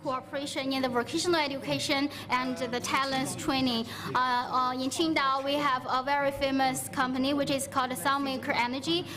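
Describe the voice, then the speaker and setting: A woman working as a live interpreter for a visiting official, speaking haltingly with many fillers. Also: high-pitched, level tone. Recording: echoey hall with a crowd behind.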